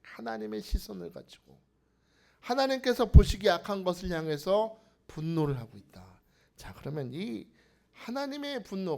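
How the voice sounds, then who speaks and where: A man's voice: sits high, gravelly, darkish tone. A man preaching a sermon to a congregation, asking them rhetorical questions and dropping to a whisper for emphasis.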